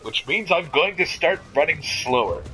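A man putting on a pompous male newscaster voice, speaking in a mock-serious, drawn-out announcer delivery. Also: fairly high pitch, lively intonation, pushed and bright, faint music behind, voice pushed up, poor audio. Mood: mock solemn.

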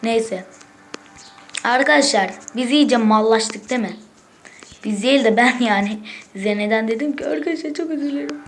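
A woman hosting a gaming channel, chatting casually to viewers from a room at home, excitable and swearing as she gets frustrated. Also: a little high, measured pace, pauses often, faint music behind. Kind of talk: casual gameplay commentary.

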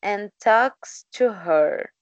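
Woman student on a video call, very slow and hesitant, dry close sound. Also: medium pitch, expressive, no room sound, dull audio. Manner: slow, careful, hesitant reading aloud.

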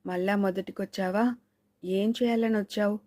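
A woman's voice: medium pitch, steady tone, moderate pace, warm tone, lightly acted. A woman reading the lines of a cautious, uneasy learned man who scolds his companion in anxious tones in a storybook thriller.

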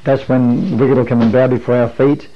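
A man in his fifties delivers a sermon as a podium speech, earnest and measured, often posing questions to make his point. His pitch sits in the middle range, and the sound is dull, like old lo-fi videotape. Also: little pitch movement. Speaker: preacher. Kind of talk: sermon as podium speech, teaching at a camp meeting. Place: small wood-panelled room, standing at a desk. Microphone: lapel or pocket-clipped microphone. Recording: muffled lo-fi 1980s videotape.

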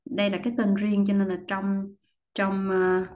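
A woman teaching English pronunciation, explaining patiently step by step and repeating model words, often clearing her throat. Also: mid-range voice, monotone, moderate pace, a little mellow, highs cut off, a little hiss or hum. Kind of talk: pronunciation lesson.

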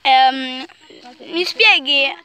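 A young woman co-hosting a casual outdoor vlog, asking curious, drawn-out questions. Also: sits high, sharp tone. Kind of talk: casual interviewer-style vlog chat. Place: outdoors by a castle.

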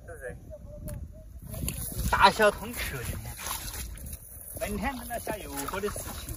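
A man's voice: sits high, very animated, unhurried. A man chatting casually and exclaiming in colloquial Sichuan dialect while working outdoors, with a Sichuanese accent. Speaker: vlogger. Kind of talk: casual chat while catching eels outdoors. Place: outdoors in a muddy rice paddy. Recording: noisy outdoor recording, distant from microphone.

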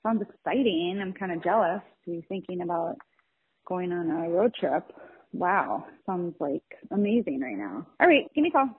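A woman's voice: lowish voice, animated, moderate pace. A woman leaving a casual, friendly voicemail message on an answering machine. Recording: tinny phone line with hiss.

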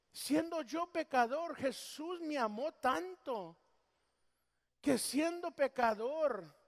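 A man preaching a sermon as pastor in a church, swinging from loud emphasis to hushed tenderness. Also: extremely high pitch. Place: church sanctuary. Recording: long hall reverb.

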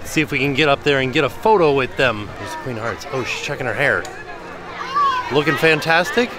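A man around his forties with an American accent vlogs into a handheld camera held at arm's length, chatting in an animated, upbeat way. His mid-range voice is brisk, and busy crowd noise fills the background.

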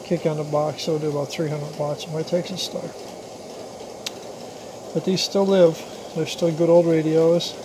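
Speaking a little high at normal speed and leaving long pauses, an American radio hobbyist walks through a product demonstration in short, plain-spoken phrases. The tone is casual and matter-of-fact, set in a small indoor room at a radio bench. The audio, from a handheld camera or phone mic, is clear with a steady hiss and hum underneath.

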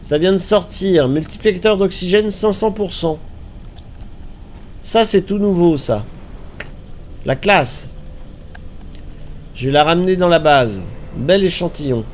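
A man talks slowly through a live game stream, his nose a little blocked. His voice sits fairly high, and he chats in a relaxed way, repeating words as he thinks. Faint noise lies under the desk mic. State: slightly congested, stuffy nose. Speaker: streamer playing a survival game. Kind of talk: casual live-stream commentary.

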